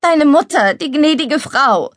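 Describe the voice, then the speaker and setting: A woman's voice: medium pitch, steady tone, normal speed, darkish tone, dry recording, natural voice. A woman voicing a young maid who scolds urgently and anxiously, in a storybook reading. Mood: scolding. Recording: dry studio recording.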